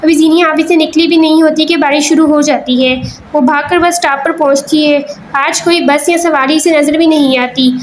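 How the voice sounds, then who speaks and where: High-voiced woman reading a novel aloud. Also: slight background noise, low-quality recording. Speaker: story narrator.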